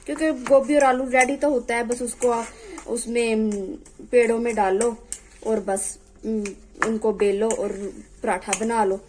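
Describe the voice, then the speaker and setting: A woman's voice: a little high, darkish tone, a little hiss or hum, poor audio. Chatty woman hosting a home cooking video. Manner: chatty, pleading for subscribers; talks while cooking, voice drops off-mic at times. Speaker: cooking channel host. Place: home kitchen.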